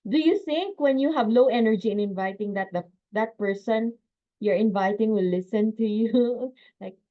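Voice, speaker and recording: Over a video call with slightly dull, muffled audio, a woman delivers a sales training lecture. She's energetic and emphatic, laughing quickly between points, and her voice sits on the high side.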